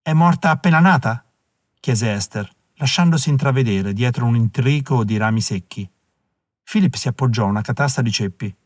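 Measured male audiobook narrator, dry sound. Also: mid-range voice, no room sound. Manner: measured, even reading.

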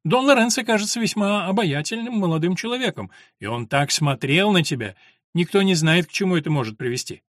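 A man's voice: high-pitched, lively intonation, a little fast, a bit bright, no echo, studio quality, pitched above the performer's own voice. A man voicing a gossipy older aunt who chatters and gushes about suitors, in an audiobook. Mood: gushing. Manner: gushing, fussy.

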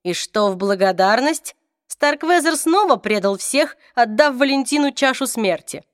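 A woman reader voicing an arrogant young man who loudly and coldly condemns others, reading a fantasy audiobook. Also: high voice, animated, unhurried, no echo, studio quality. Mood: scornful. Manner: loud, cold and self-righteous.

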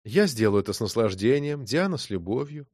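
Brief: male reader doing a cloying, mocking young woman, raised pitch, animated. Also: fairly quick, breathy edge, no echo, studio quality.

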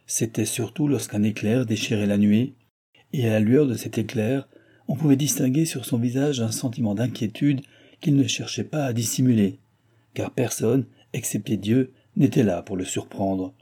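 A man reading a classic novel aloud as an audiobook narrator, in a steady dramatic way. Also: mid-range voice, normal speed, breathy edge. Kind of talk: scripted narration.

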